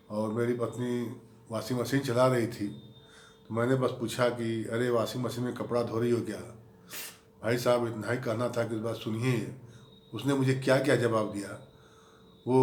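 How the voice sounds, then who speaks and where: A man spins a comic monologue in a mock-mournful, put-upon tone. His voice sits at an ordinary middle pitch, and the recording has a roomy echo. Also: a little hiss or hum. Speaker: comic storyteller, channel host. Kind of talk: comic monologue told to camera.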